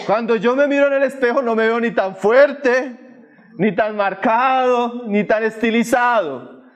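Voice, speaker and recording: A man preaching a sermon, slow and emphatic with dramatic pauses. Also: very high-pitched, dull audio.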